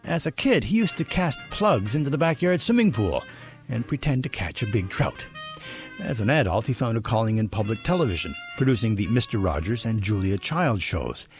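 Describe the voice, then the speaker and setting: A male reporter giving a scripted documentary narration in a lively storytelling way. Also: medium pitch, moderate pace, soft background music.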